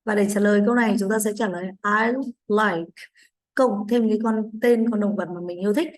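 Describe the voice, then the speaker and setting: A woman teaching an English vocabulary lesson to children with a Vietnamese accent, modeling each word slowly and clearly for repetition. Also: medium pitch. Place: online recorded lesson.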